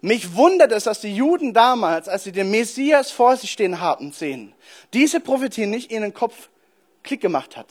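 High-voiced man preaching casually. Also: normal speed. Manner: animated storytelling, addresses listeners directly. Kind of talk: conversational sermon.

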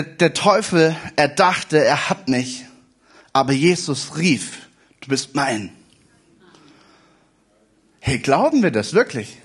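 A man preaching a sermon to a congregation, emphatic and repeating phrases for stress. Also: sits high.

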